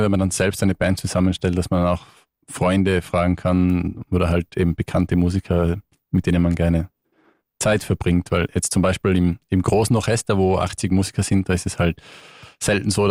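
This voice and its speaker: Ein Mann in seinen Dreißigern aus Tirol mit österreichischem Akzent, der als Gast im Radiostudio nachdenklich und mit häufigen Neuansätzen erzählt. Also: male voice, sits low, level tone, a little fast, darkish tone, no echo, clean studio sound. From Tyrol, Austria. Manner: thoughtful, with frequent restarts. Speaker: guest musician. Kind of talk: relaxed radio interview. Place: radio studio.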